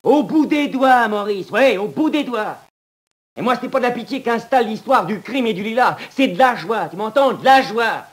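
A jealous, violent young convict in an old radio drama. His voice sits high and leaps widely in pitch, and he speaks with constant intensity. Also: lively intonation, normal speed, breathy edge, full character voice. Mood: gloating. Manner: intense, moves from gloating to desperate pleading. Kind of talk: 1940s radio drama acting.

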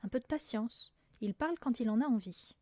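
A woman's voice: on the high side, expressive, brisk, mellow, no room sound, studio quality. Brief: storybook neighbour boy, woman reader, easygoing and plain. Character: good-natured neighbour boy.

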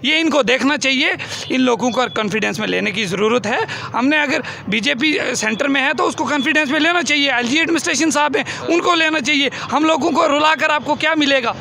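A man's voice: extremely high pitch, a little fast, vocal fry, hardly any pauses, pushed and bright. A young man giving an impassioned, pleading protest speech to a reporter outdoors, repeating himself for emphasis, with a crowd and traffic around him. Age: young adult. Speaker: protest spokesman. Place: outdoor protest tent by a busy road. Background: crowd and passing traffic.

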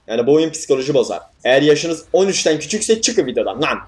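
A man's voice: a little high, very animated, fast, slight background noise. A young man commentating a horror game as he plays, swearing and yelping at scares, then laughing them off. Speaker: gaming YouTuber.

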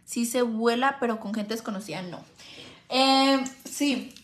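A woman's voice: a little high, unhurried. Frank Mexican woman chatting to viewers. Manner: frank, slangy, swears freely, talks straight to viewers. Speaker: vlogger and mother. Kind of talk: casual livestream chat. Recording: echoey room, faint background noise.

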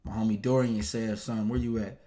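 A man's voice: on the low side, level tone, fast, mellow. A man hosting a casual livestream and reading viewer messages, talking in blunt, profane street slang. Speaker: channel host.

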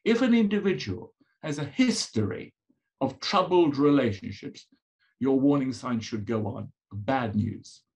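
A man's voice: medium pitch, expressive, unhurried, darkish tone. A man with a colonial accent from an upbringing in Africa, lecturing conversationally as a psychologist, asking rhetorical questions and driving points home in short, repeated phrases. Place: indoors, video call presentation with slides.

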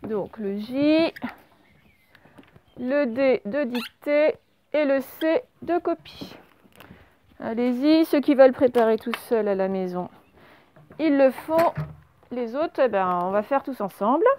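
A woman teaching young children a spelling and dictation lesson, speaking slowly and patiently and spelling words out letter by letter. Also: high voice, animated, warm tone, slight background noise. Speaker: primary school teacher. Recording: slightly dull, lo-fi home recording.

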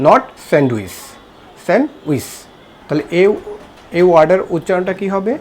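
A man's voice: on the high side, a little mellow. A man with a Bangladeshi Bengali accent gives a language lesson in a slightly raised voice. He spells each word out letter by letter, then repeats it and asks the viewer how to say it. A faint hiss sits under the recording. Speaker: English pronunciation teacher.

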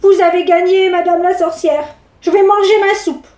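A woman's voice: very high-pitched, steady tone, moderate pace, darkish tone, pitched above the performer's own voice. A woman voicing a clever, mischievous little boy who is polite at first and then talks back, in a storybook reading. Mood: pleading. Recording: echoey room.

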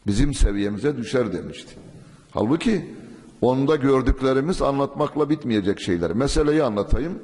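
A man preaching a sermon at a pulpit microphone, in a measured, emphatic way, now and then reciting verses in Arabic. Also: mid-range voice, expressive, a little mellow. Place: mosque pulpit. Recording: long hall reverb.

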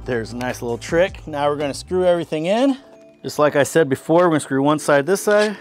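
Talking over loud music, a slightly high, brisk-voiced man in his thirties walks viewers through building gym gear as a fitness coach. It's a chatty, upbeat woodworking tutorial from an outdoor covered porch, peppered with "guys" and "man."

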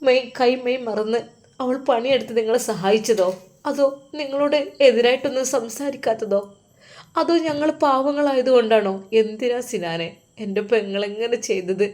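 A woman's voice: a little high, normal speed, a little mellow, close to an everyday voice. A woman voicing an angry older brother who presses bitter, accusing questions, with a Malappuram Malayalam accent.

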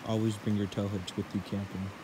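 Speaking fairly quickly in a lowish voice, a young man records a casual solo camping vlog with deadpan, relaxed delivery. He holds an action camera that captures outdoor noise, chatting from a hammock outside and later from the cab of his truck.

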